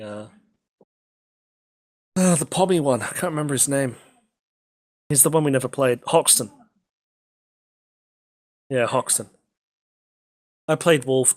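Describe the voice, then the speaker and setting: A man co-hosting a casual gaming podcast, rambling with lots of ums and the odd swear. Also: mid-range voice. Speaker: podcast co-host.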